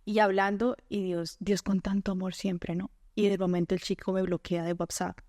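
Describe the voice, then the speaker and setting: A woman's voice: mid-range voice, little pitch movement, a little mellow, no echo, clean studio sound. Colombian woman sharing her faith story. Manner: earnest storytelling, quick to laugh, quotes herself and God. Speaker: guest. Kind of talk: personal faith testimony in conversation.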